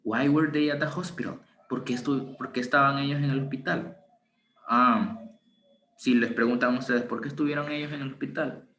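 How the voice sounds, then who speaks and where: A man teaching an online English lesson in Spanish, reading English examples slowly and explaining them patiently. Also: medium pitch, steady tone, fairly bright tone, a little hiss or hum. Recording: roomy echo with faint ambience.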